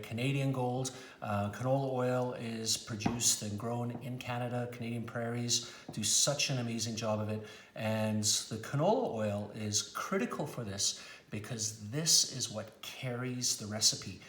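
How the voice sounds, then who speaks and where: A middle-aged male chef from South Africa walks through a recipe at a steady middle pitch, friendly and explanatory, with the odd "um" along the way. The kitchen around him rings with noticeable room echo. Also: unhurried. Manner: friendly, explanatory, with frequent "um" fillers. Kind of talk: cooking demonstration.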